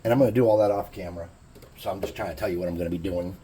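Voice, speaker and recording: A man's voice: deep voice, racing, noisy background. A man hosting a casual hobby crafting tutorial, chatting in a laid-back, jokey way as he works. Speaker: crafting channel host.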